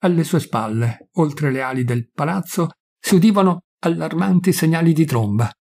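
A man narrating a literary audiobook in a measured, dramatic reading. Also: a little high, animated, creaky, darkish tone. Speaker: audiobook reader.

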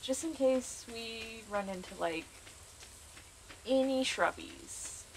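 A woman's voice: a little high, animated, slow pace, a little hiss or hum, low-quality recording. A woman streamer chatting to herself while she plays a game, playful and self-mocking. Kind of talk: casual gameplay commentary.

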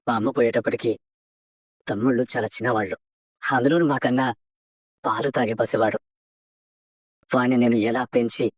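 An actor playing a devoted, self-sacrificing eldest brother in a TV serial drama, earnest and pleading. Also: male voice, mid-range voice, a little mellow, dry recording, lightly acted. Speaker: eldest brother raising his younger brothers.

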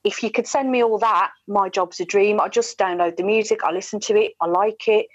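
A British woman in her forties, a radio presenter, is interviewed over a video call from a room at home, using a wired earphone headset. Her medium-pitched, husky voice moves fairly quickly as she talks candidly, chattily and emphatically, with mimicked asides. The recording is dry and lo-fi.

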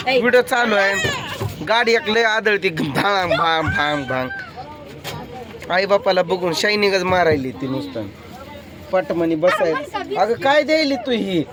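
A man's voice: high voice, lively intonation, unhurried, crowd noise. A man vlogging, chatting and teasing as he rides outdoors on a farm vehicle. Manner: teasing, bantering. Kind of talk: casual vlog chat and teasing. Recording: loud outdoor vehicle noise.

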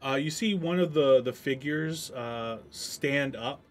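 A man narrates a tabletop game as its game master. He speaks in a relaxed, unhurried way, filling pauses with ums. His voice sits at an everyday middle pitch over faint background music.

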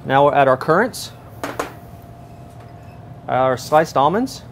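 A chef in his thirties, mid-pitched and slow-spoken, walks through recipes step by step in a large professional kitchen. He is recorded on a lapel mic with background noise, keeping his cooking demonstration steady and instructional.

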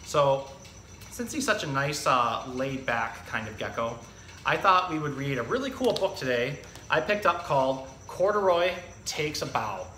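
In an echoey room with hard walls, a tiled floor, and faint background noise, a man in his thirties presents a zookeeper's animal storytime. He speaks casually and plainly to children, mixing educational talk with a picture-book reading, in a bright, forward voice at an average pitch.

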